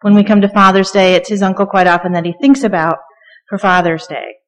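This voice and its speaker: A woman's voice: mid-range voice, steady tone, fairly quick. Chatty woman preaching in a reverberant church. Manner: chatty, joking asides, frequent ums. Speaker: guest preacher. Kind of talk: conversational sermon. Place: church sanctuary. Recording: long reverb of a church hall.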